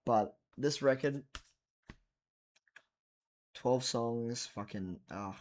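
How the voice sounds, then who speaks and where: A man's voice: medium pitch, extremely slow, darkish tone. A tired man rambling casually about an album late at night at home, swearing now and then and trailing off into mumbles. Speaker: vlogger reviewing a record.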